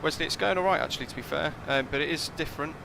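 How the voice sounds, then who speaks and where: A man's voice: fairly high pitch, racing, gravelly, noisy background. A man casually talking through a flight sim live stream, thinking aloud and chatting with his viewers.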